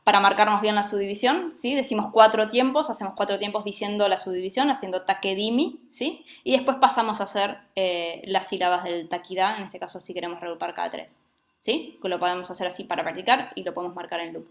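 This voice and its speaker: A woman's voice: medium pitch, fast talker. A woman teaching a music lesson, who explains patiently and often checks that her students follow.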